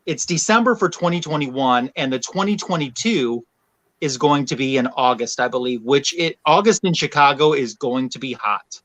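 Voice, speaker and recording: A man's voice: medium pitch, moderate pace, fairly bright tone. A man chatting as a panel guest, telling stories at length with rambling explanations. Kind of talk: casual chat.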